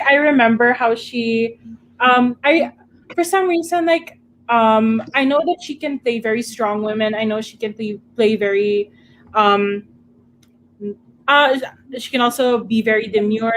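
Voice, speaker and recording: A woman chatting casually about books as a club member, in a halting, thinking-aloud manner. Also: a little high, slight background noise, rough recording. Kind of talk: casual book chat.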